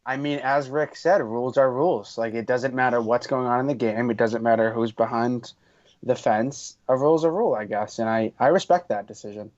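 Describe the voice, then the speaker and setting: A man's voice: mid-range voice, darkish tone, no room sound. Wry co-host man, slightly muffled. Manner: reactive, quick exclamations and wry comments. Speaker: podcast co-host. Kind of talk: casual chat.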